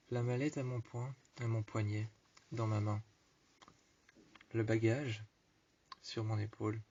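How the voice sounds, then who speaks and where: A man telling a story in the first person, slowly repeating and rephrasing each phrase. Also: mid-range voice, a little mellow. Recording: slightly muffled lo-fi recording.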